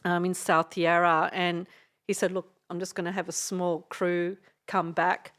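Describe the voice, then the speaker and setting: A woman's voice: fairly low pitch, flat delivery, unhurried, a bit bright. A middle-aged Australian woman, a DJ and radio host, telling a story in a casual podcast interview, rambling with frequent hesitations and laughs.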